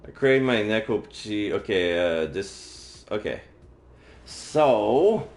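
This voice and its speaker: A streamer with a lowish voice reads a visual novel aloud slowly but animatedly, casually dropping muttered jokes along the way. The recording sounds roomy, and faint game music can be heard.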